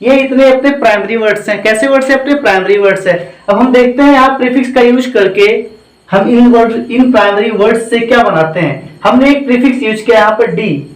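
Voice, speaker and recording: High-voiced man teaching English grammar. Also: a little fast, reverberant, low-quality recording. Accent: Indian English. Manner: repeats and quizzes the class with questions. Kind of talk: classroom lecture.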